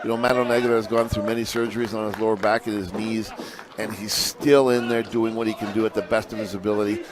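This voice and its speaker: A man's voice: lowish voice, level tone, fast. A man giving conversational color commentary as a lucha libre announcer, colloquial and emphatic, often repeating phrases. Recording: noisy venue with crowd behind.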